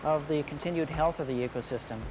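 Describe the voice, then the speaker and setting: A male scientist gives a quick, formal explanation in a nature documentary, his voice a little higher than average. Clear ambient, vehicle-like noise sits behind him. His phrasing is technical. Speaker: dolphin research scientist.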